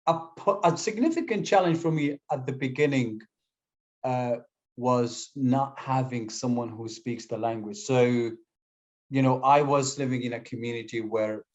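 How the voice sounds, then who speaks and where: Here a mid-range male voice at ordinary speed belongs to a young Syrian guest whose first language is Kurdish. He speaks English in an informal interview, stumbling through many fillers and restarts, and the lo-fi audio has a slightly dull quality.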